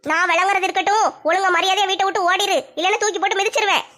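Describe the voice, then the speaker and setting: A woman putting on a fiery middle-aged mother in a comedy skit, tender with her child but ready to fight. Her voice is high and bright, snapping out threats at a quick clip. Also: steady tone. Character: fierce middle-aged mother, loving but hot-tempered.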